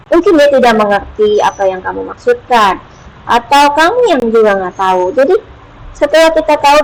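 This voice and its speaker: A woman teaching an online Bible study in a casual, unhurried way, pausing often with hesitations and acting out prayers with lively emphasis. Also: high voice, rough recording.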